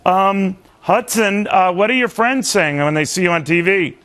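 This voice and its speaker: A man's voice: sits high, moderate pace, a bit bright. A man hosting a television interview in a conversational broadcast style, often backtracking and repeating his words. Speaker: TV news interview host.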